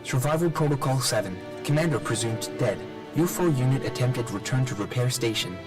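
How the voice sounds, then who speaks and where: An actor voicing a damaged male combat robot in a video game. His voice runs through a robotic metallic filter, and he speaks in flat, clipped status reports with repeated system errors. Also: medium pitch, a little fast. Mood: malfunctioning, clipped. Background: loud game music.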